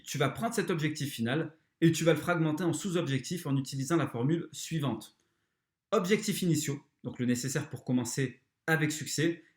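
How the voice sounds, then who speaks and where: Brief: male podcast host, slightly high voice, blunt and crude motivational talk, echoey room. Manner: blunt, crude, talks straight to the listener. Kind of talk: motivational self-help talk.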